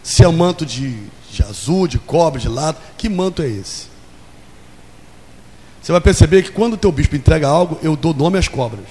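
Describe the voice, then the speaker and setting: A man's voice: fairly high pitch, animated, normal speed, mellow. A man in his forties preaching a sermon in a church, leading call and response and acting out little scenes. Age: 40s. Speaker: pastor. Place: church hall. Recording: long hall reverb.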